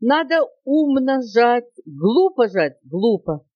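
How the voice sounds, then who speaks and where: An eager, mischievous little monkey girl from a children's storybook, as a woman puts her on. She squeals high and bounces her pitch about, drawing out words with delight. The recording is close and dry. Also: very animated, slow, dry recording, highs cut off, exaggerated voice. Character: cheeky excitable female monkey.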